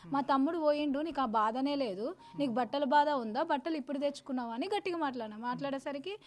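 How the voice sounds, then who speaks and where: Woman, high and rapid, aggrieved sister giving a news interview, keeps restarting words. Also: darkish tone. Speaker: sister of the missing man.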